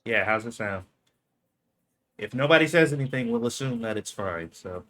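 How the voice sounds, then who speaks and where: A man's voice: mid-range voice, lively intonation, moderate pace, a bit bright, slight background noise. A man co-hosting a live stream in loose, slangy casual chat, laughing often.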